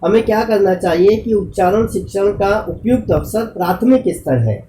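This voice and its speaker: A man's voice: high-pitched, animated, moderate pace, warm tone, a little hiss or hum, rough recording. A man teaching a lecture, explaining step by step and sounding out examples.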